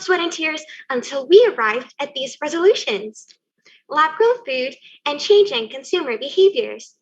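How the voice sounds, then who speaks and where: A young woman from Thailand leading her team's prepared presentation, upbeat and then steady in her explanations. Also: high-pitched, muffled recording. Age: young adult. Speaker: student team leader presenting.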